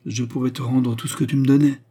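A man voicing a weak, self-pitying middle-aged husband who whines and shouts in protest, in a storybook reading. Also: mid-range voice, level tone, quick pace, breathy edge, voice pushed up, close to an everyday voice. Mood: whining.

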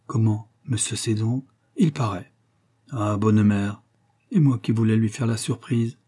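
A man voicing a kindly, flustered female housemaid in a read-aloud story, his voice pushed higher as she confides in quick, breathless chatter. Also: warm tone. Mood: flustered confiding.

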